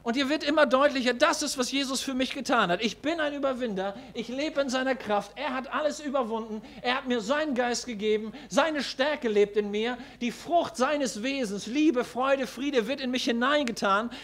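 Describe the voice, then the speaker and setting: High-voiced emphatic male preacher. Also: normal speed, hardly any pauses, a bit bright. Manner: emphatic, repeats key phrases, asks the congregation questions. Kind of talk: sermon.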